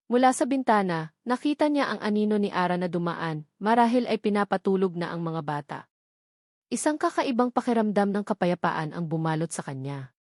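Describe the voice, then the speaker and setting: A woman with a Filipino accent acts as a dramatic narrator, reading a scripted love story. Her mid-range voice has a darkish tone, and the clean studio recording has no room sound.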